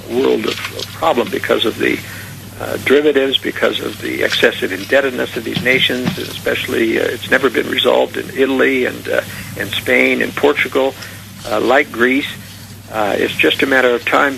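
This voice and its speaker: Very creaky-voiced man giving conspiratorial warnings. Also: mid-range voice, bright, forceful tone, slight background noise, low-quality recording. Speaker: guest commentator on a radio talk show. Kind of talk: unscripted political interview commentary.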